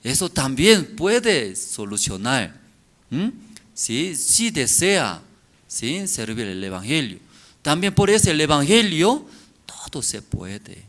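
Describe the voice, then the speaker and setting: A male pastor with a foreign accent in his Spanish, preaching slowly and often checking in with his congregation. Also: on the high side, very animated, a bit bright. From outside Bolivia. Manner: slow, halting, constantly checking in with the listeners. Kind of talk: sermon to a congregation.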